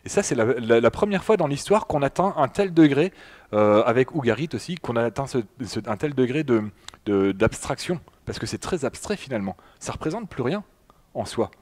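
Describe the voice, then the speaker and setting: A man's voice: medium pitch, animated, moderate pace, darkish tone. A man with a French accent giving a public lecture with slides, talking to the audience with many fillers and restarts. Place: public hall in front of an audience.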